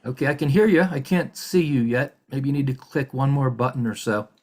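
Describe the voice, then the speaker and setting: A man's voice: mid-range voice, a little fast, a little mellow. Methodical man presiding over a hearing. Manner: methodical, polite, with frequent fillers and restarts. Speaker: hearing examiner. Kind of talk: formal virtual hearing proceedings. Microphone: video call.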